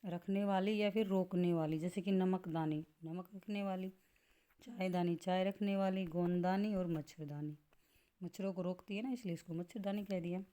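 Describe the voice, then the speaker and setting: A woman teaching grammar at a slow classroom pace, reading out word lists one by one and explaining each, with an occasional cough. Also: on the low side, fairly even intonation, warm tone. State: coughing at times.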